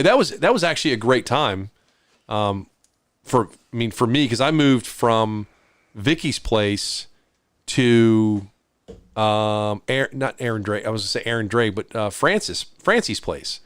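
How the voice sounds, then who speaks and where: A man's voice: fairly low pitch, animated, unhurried, no echo, studio quality. A middle-aged man co-hosting a podcast, telling a story in casual chat and acting out the voices of the people in it. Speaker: podcast co-host.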